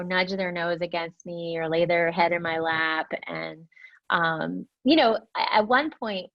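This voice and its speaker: A woman leads a mindfulness class in a low, gravelly voice. She speaks gently and reflectively, often checking in with "right?". The sound is dull and lo-fi, like a video call. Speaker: meditation teacher.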